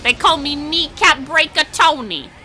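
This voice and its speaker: A woman's voice: on the high side, unhurried, sharp tone, a little hiss or hum. A woman voicing a brash male mob enforcer who breaks kneecaps, talking with tough-guy mobster swagger. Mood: menacing swagger.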